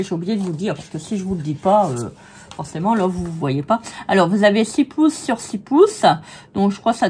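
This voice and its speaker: Hoarse, chatty woman gushing over crafts. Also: on the low side, darkish tone, slight background noise. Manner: chatty and gushing, many hesitations. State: hoarse, losing her voice. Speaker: crafting vlogger. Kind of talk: casual product review vlog.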